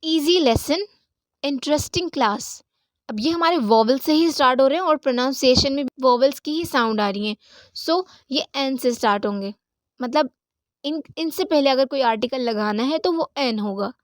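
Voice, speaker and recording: A woman teaching an English grammar lesson. She reads the English example lines slowly and carefully and often checks in with her listeners. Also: high-pitched, dry recording, studio quality. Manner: slow, deliberate reading of English example lines, checks in with "theek hai?". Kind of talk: grammar lesson in Hindi-Urdu.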